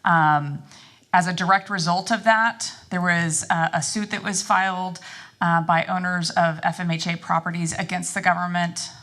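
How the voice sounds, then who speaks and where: Low-voiced woman briefing a board. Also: steady tone, a bit bright. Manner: halting, explanatory, frequent ums and repeats. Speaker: interim executive director presenting. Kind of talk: semi-formal briefing to a board.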